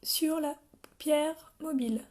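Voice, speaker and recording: Young woman with a high voice hosting a casual live makeup demo, chatty with her viewers. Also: slow pace, a little mellow. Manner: chatty, addresses viewers by name, frequent coughs. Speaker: makeup seller training her team.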